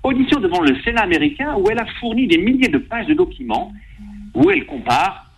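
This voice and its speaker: A man's voice: high-pitched, big pitch swings, brisk, creaky, slight background noise, poor audio. A middle-aged man, a doctor, giving an ironic spoken radio column in long sentences.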